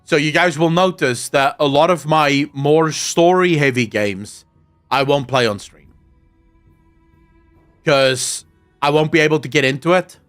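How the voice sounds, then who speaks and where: With faint music behind him, a young native Afrikaans speaker from South Africa chats with his live-stream viewers, ranting, joking and cursing freely. His fairly high, smooth, fairly bright voice moves a little slowly and pauses often.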